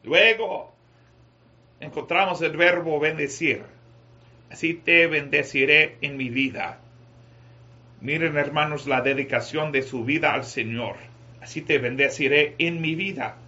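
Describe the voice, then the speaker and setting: Man preaching slow, bright voice, gets loud and shouty, muffled lo-fi recording. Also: fairly high pitch, fairly even intonation. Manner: rises to shouting climaxes, addresses congregation as brothers. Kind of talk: sermon.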